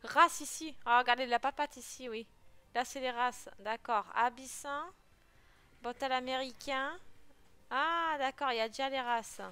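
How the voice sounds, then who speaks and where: A woman's voice: high voice, measured pace, pushed and bright, smooth. A woman giggling and chatting casually as she comments on her game, now and then meowing playfully. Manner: giggly, chatty, exclaims often; plays with cute meows. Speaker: let's play gamer.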